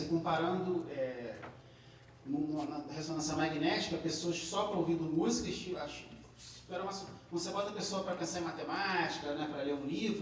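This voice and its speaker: A man's voice: fairly high pitch, background noise. Echoey lecture hall, Brazilian man teaching. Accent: Brazilian Portuguese. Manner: explanatory, many tag questions and restarts. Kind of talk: live classroom lecture. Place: large echoey lecture room. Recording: echoey hall recorded from a distance.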